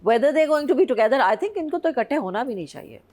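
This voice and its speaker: A woman's voice: high-pitched, animated, moderate pace, a little mellow. A woman in her fifties, reviewing a drama on a panel in an emphatic, heartfelt way. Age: 50s. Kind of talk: casual chat reviewing a drama.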